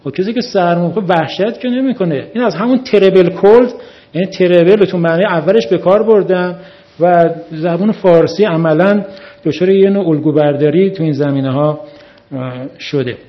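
A man on a panel critiquing a translation, talking methodically through examples one by one. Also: high-pitched. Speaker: reviewer of a translated book. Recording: dull lo-fi recording.

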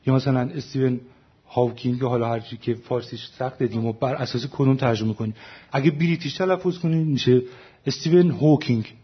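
A man's voice: mid-range voice, husky, highs cut off. A man, a translator, explaining his choices in an academic panel discussion, often stopping to correct himself. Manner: explanatory, frequent self-corrections and fillers.

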